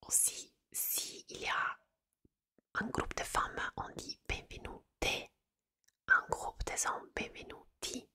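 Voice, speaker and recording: A woman giving a whispered ASMR lesson into a close microphone, softly repeating each word twice, with hesitant fillers and small self-corrections. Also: takes it slowly. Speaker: ASMR creator teaching words.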